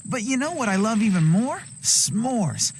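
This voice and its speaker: A woman's voice: a little high, big pitch swings, unhurried, a little mellow, a little hiss or hum. A woman voicing a curious, slightly clumsy boy in an educational cartoon, with faint music underneath. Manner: curious, questioning.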